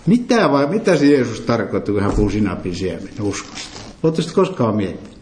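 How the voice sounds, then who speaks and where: A man's voice: lowish voice, sing-song, a little mellow, a little hiss or hum. A man preaching an interactive sermon, emphatic, quizzing his listeners with questions. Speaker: preacher leading a Bible study. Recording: roomy echo.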